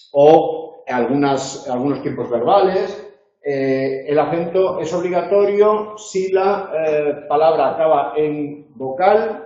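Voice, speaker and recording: A man with a Peninsular Spanish accent giving a university lecture, hesitant, pausing often on filler sounds and restarting phrases, in a classroom. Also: on the high side, mellow. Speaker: university tutor. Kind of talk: spoken lecture. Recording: dull echoey room recording.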